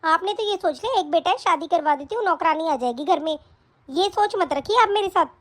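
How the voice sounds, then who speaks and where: A woman's voice: very high-pitched, expressive, brisk. Woman voicing a whiny spoiled young wife. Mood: defiant. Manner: whiny, complaining, defiant. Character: spoiled quarrelsome young married daughter. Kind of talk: animated story voice acting.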